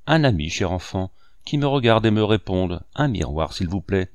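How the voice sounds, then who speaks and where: A man's voice: low voice, animated, normal speed, no room sound. A man voicing a vain, fussy young married woman who chatters petulantly about herself in a storybook reading. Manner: petulant, self-absorbed chatter.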